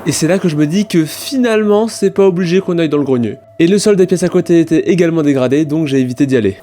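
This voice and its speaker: A man delivering a scripted voice-over for his exploration video, brisk and wry. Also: on the high side, dark tone, slight background noise. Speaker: video creator.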